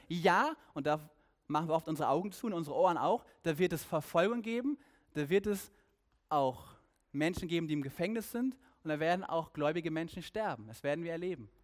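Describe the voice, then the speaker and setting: A man preaching a sermon, earnest, with questions aimed at the listeners. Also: on the high side.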